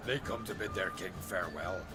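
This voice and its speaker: A formal, courteous warrior. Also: male voice, low voice, lively intonation, brisk. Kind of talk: video game dialogue. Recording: distant game audio over loud music.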